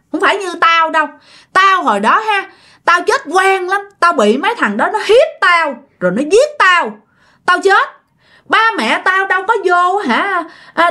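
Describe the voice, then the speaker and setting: A woman's voice: very high-pitched, very animated, normal speed, pushed and bright, voice pushed up, heavily acted. A woman voicing the vengeful ghost of a murdered young woman, speaking in a coarse, scolding and threatening way. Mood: scolding, aggrieved.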